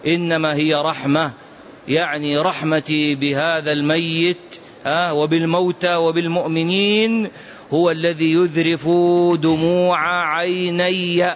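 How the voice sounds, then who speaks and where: Man, religious teacher, commentary lesson, fervent emphatic delivery, high voice, faint background hiss. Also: fairly bright tone, highs cut off. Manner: impassioned, emphatic warnings addressed to the listener. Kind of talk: classroom commentary on prophetic tradition.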